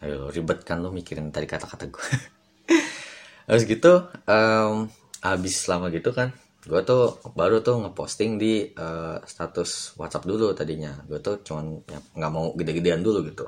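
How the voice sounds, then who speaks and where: A man's voice: sits low, lively intonation, normal speed. A young man telling a personal story in a casual, rambling podcast monologue full of fillers. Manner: rambling, many fillers, slangy. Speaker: podcast host.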